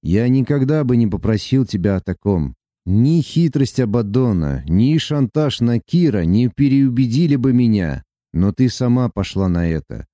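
A man voicing a reserved lover who speaks low, slowly and tenderly. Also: expressive, dry recording, clean studio sound, lightly acted. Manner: low, slow, quiet and tender.

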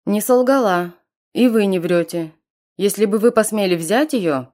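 A woman's voice: mid-range voice, measured pace, darkish tone, close to an everyday voice. A woman voicing a stern male chieftain who speaks in a clipped, authoritative way in an audiobook. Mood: commanding.

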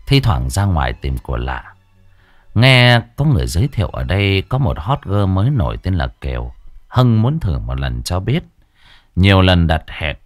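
Male narrator, lower voice, lively dramatic story reading, dry recording. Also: no room sound. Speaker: audiobook narrator.

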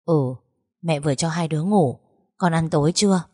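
A woman voicing a gentle grandmother who soothes and coaxes in a spoken story. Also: low voice, moderate pace, no echo, studio quality. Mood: soothing. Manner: soothing, coaxing murmur.

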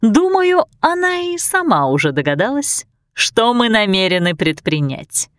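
A woman reading aloud, voicing a shrewd witch who speaks slowly and knowingly, a little grim. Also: fairly high pitch, big pitch swings, no echo, studio quality. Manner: knowing, slow, slightly grim. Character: shrewd, sharp-eyed witch sister Lucinda.

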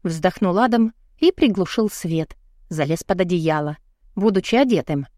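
A woman reading a first-person novel aloud as an audiobook narrator, expressive, with her voice lifting high for the heroine's lines. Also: moderate pace, no room sound, studio quality.

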